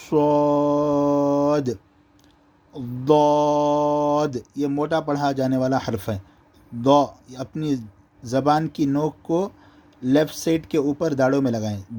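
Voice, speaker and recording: A man teaching Quran reading, explaining letter pronunciation and drawing out each letter slowly to demonstrate. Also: medium pitch, warm tone. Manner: slow, drawn-out letter demonstrations between explanations.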